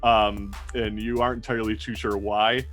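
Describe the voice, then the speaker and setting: A man improvising narration as game master of a tabletop game, in a casual, halting way. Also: fairly low pitch, flat delivery, fairly bright tone, faint music behind. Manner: casual, halting, prone to laughing.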